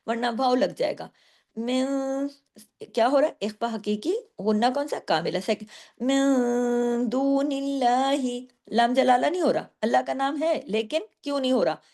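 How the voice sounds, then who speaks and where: A middle-aged woman teaching tajweed. She explains each rule patiently and recites the verses slowly, drawing the sounds out. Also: high voice, gravelly, a little mellow. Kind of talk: tajweed lesson.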